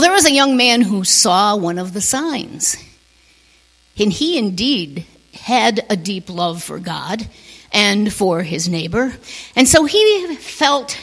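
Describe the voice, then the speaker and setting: A woman preacher telling a story in a gentle sermon, sometimes dropping to a near whisper, in a long church reverb. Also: on the high side. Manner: slow, gentle, drops to a near whisper on key lines.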